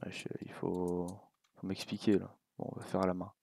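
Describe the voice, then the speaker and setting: A young man with a French accent giving a relaxed, casual coding tutorial at his computer, thinking aloud with many fillers and asides. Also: sits low, moderate pace, creaky. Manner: relaxed, talks while clicking, many fillers and little asides. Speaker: game development tutor.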